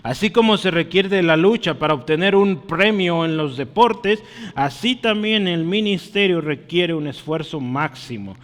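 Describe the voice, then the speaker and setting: This preacher's voice runs on the high side, animated and a bit bright, at a moderate pace, heard in a large hall. Teaching a Bible study, he explains his sermon one step at a time, keeps checking that listeners are with him, and calls them brother.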